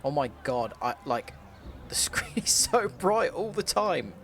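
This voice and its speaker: A man's voice: on the high side, sing-song, unhurried, creaky, fairly bright tone, slight background noise. A man from Britain giving chatty, joking let's-play commentary. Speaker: streamer. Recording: commentary over game music.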